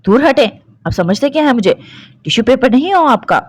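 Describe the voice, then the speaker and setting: A woman's voice: on the high side, sing-song, brisk, husky, pitched above the performer's own voice. A woman voicing a frightened young bride who stammers and pleads in a raised, shaky voice. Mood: defiant.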